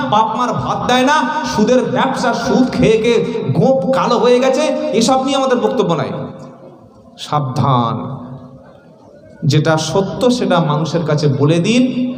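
High-voiced preacher man half-singing his sermon, lots of echo off a big hall. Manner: sing-song chanting with calls to the crowd. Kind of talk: Bengali waz sermon. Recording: echoey long reverb of a sermon hall.

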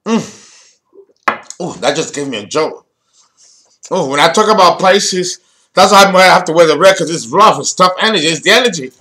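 A man's voice: on the high side, expressive, moderate pace, pauses often, bright, forceful tone. A man hosting a video lecture as an astrology teacher, playful and theatrical, breaking off into jokes and laughter. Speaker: astrology teacher and channel host.

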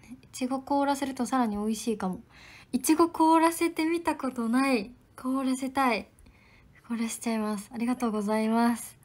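A young idol trainee chats politely on a livestream, answering viewer comments and often slipping into soft whispered asides. Her voice sits high and moves a little fast.

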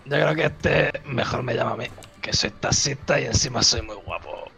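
A man improvises in an online game. His voice is extremely creaky and mid-pitched, and he talks in a cocky, chatty way over faint music. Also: moderate pace, bright, forceful tone. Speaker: player in online role-play. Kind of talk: improvised game role-play.

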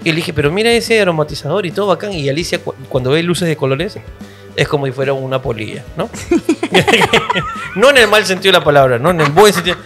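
A man co-hosting a casual comedy podcast, telling animated stories, acting out quotes and laughing often. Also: fairly high pitch, a little fast, soft background music. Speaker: podcast co-host.

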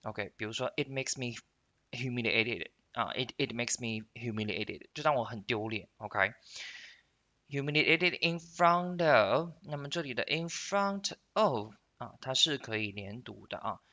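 A man giving an explanatory English lesson, patiently slowing down to model phrases for repeating, ending sentences in soft drawn-out particles. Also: lowish voice, muffled recording. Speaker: English teacher.

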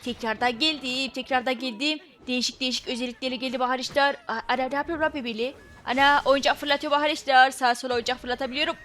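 A woman's voice: sits high, steady tone, quick pace, a bit bright. A woman commentating her own gameplay as a channel host, exclaiming, laughing and repeating her phrases.

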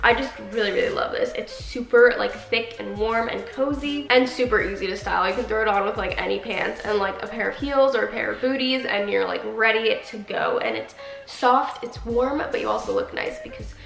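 A young woman talks in a chatty, gushing vlog style, peppered with filler "like". Her voice is a little high and often drops into creaky fry. It rings with the echo of an empty, unfurnished room. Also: brisk, a bit bright, faint music behind. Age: young adult. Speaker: fashion haul vlogger. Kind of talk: casual chat to camera. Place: small unfurnished carpeted room, indoors.

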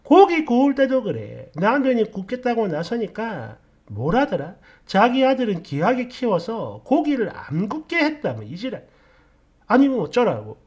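Woman storyteller, casual narration, blunt and sarcastic, pitch swinging up and down a lot. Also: huge pitch swings, normal speed, few pauses, a little mellow, slightly rough.

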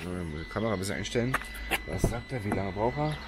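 A man's voice: fairly low pitch, animated, quick pace. Chatty man vlogging outdoors at a charger. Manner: chatty, explaining while walking around outdoors. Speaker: electric car vlogger. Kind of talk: casual vlog narration. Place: outdoors at a small car park charging station. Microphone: phone camera at arm's length. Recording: loud outdoor background noise.

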